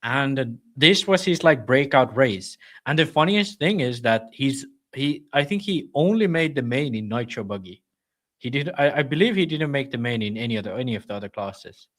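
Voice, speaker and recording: Man, podcast co-host, methodical, lots of ums, medium-pitched voice. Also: lively intonation, moderate pace, a bit bright. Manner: methodical, rattles off race results with many ums. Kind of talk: casual podcast chat.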